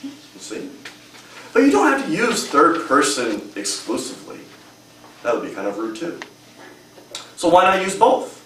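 This young man's fairly high, fairly bright voice swings hugely in pitch, moving at a moderate pace with long pauses. He gives an emphatic, humorous prepared speech at a public speaking club in a hotel meeting room, recorded by a distant camera in an echoey space with slight background noise.

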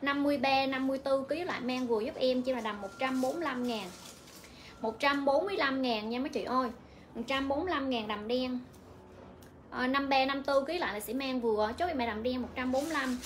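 A young woman with a Vietnamese accent pitches clothes live from a shop, her voice high and bright. She repeats each price again and again in a brisk selling patter. Clear background noise from the shop runs under her. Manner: repetitive, rapid-fire price calling. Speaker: livestream clothing seller. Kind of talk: livestream sales pitch.

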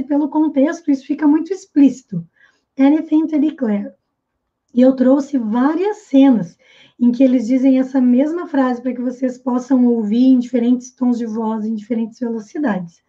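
A Brazilian Portuguese-speaking woman teaching English pronunciation, slowly and carefully repeating English phrases. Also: sits high, dull audio. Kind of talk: explaining pronunciation in a video lesson.

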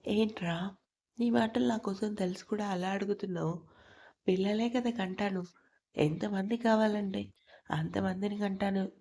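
Storybook figure: an emotional young wife with an anxious, pleading manner and a warm, husky voice, read by a woman. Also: medium pitch, steady tone, moderate pace. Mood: angry.

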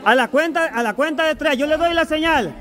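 Brief: man, game host outdoors, very high voice, bossy and animated, crowd chatter behind. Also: brisk. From El Salvador. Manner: loud, animated, bossy calling of rules and commands. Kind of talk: explaining and refereeing an outdoor group game. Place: outdoors with a group of players.

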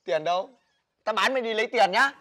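A man doing an exasperated big brother in a village comedy skit, Northern Vietnamese accent, high and bright. He scolds and complains loudly, voice climbing whenever he gets worked up. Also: fast. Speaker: actor in comedy sketch. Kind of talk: village comedy sketch acting.

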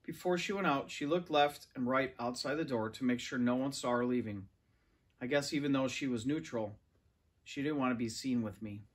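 A man around forty reads a children's novel aloud in a large, furnished living room. His mid-range voice moves at a normal speed, captured by a camera or phone a few metres away.

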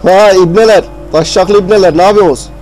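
Young male gamer, high voice, profane mock-anchor delivery, easily rattled. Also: fast talker, soft background music, poor audio. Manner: excitable, swearing, mock newscaster tone. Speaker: gaming video host. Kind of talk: profane horror game commentary.

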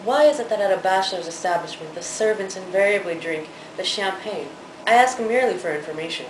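A young man in an amateur play, acting an idle, witty, smug young gentleman in formal, measured speech. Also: high-pitched, lightly acted. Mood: haughty curiosity. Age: teenager to young adult. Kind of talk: amateur stage-play acting for a student project. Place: large living room, indoors. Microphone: camera a few metres away. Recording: echoey, noisy room from camera distance.

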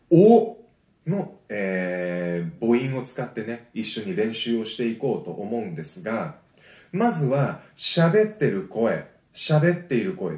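A man teaching a voice lesson. He gives friendly, encouraging explanations and breaks them up with sustained low sung vowels. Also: a little mellow. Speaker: voice trainer. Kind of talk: vocal lesson. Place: home. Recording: roomy echo.

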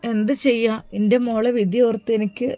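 A woman's voice: on the high side, little pitch movement, a little fast, warm tone, dry recording, natural voice. Woman playing a worried loving mother. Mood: tender. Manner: anxious, pleading and tender.

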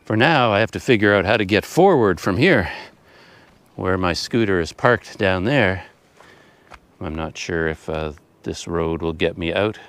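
Middle-aged male travel vlogger, low register, casual and unscripted, thinking out loud in the open air. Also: lively intonation, a little slow, no room sound. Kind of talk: casual unscripted vlog commentary. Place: outdoors on open countryside paths and roads.

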